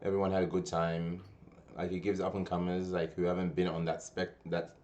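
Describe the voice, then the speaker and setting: Man, very low voice, casual rambling podcast host, young adult. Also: little pitch movement, a little fast, a little mellow, lo-fi sound. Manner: rambling, with many restarts and slang. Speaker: podcast host and tournament organizer. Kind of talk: casual chat.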